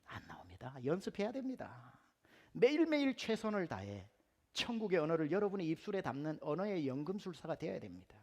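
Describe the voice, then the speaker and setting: A man's voice: fairly high pitch, a little fast. A male pastor from Gyeongsang province delivering a humorous, story-filled sermon in a church. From Gyeongsang province, Korea. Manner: animated storytelling with humor, acts out quotes. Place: church sanctuary. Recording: reverberant church hall.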